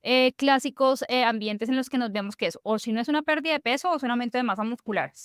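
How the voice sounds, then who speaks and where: A woman's voice: fairly high pitch, fast, smooth, no echo, clean studio sound. A woman physician, explaining at length in a conversational interview, with frequent fillers and restarts.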